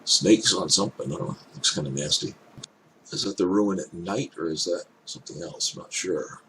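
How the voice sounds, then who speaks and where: An older man with an elderly-sounding voice gives casual off-the-cuff commentary, thinking aloud in halting, hesitant phrases. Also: low-pitched, fairly bright tone, poor audio. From Canada. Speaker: reaction video host. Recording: clear background noise.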